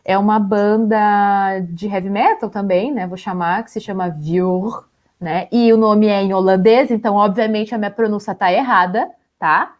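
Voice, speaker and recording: A woman's voice: medium pitch, steady tone, moderate pace, dull audio. A young woman co-hosting a live stream, chatting casually and laughing lightly while she walks through photos. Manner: chatty, with many fillers and small laughs. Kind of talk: casual chat showing photos.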